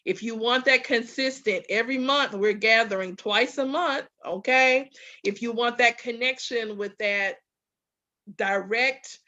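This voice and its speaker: A woman's voice: fairly high pitch, measured pace, pushed and bright. Southern US woman, emphatic, in lo-fi audio. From Louisiana, USA. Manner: emphatic, repetitive lists, checks in with "okay" and "right". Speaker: spiritual group facilitator and host. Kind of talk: informal promotional talk to followers.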